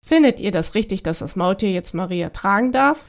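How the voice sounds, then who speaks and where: A woman's voice: mid-range voice, expressive, normal speed, gravelly. A woman voicing a small, indignant male angel in a children's story. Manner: indignant, complaining.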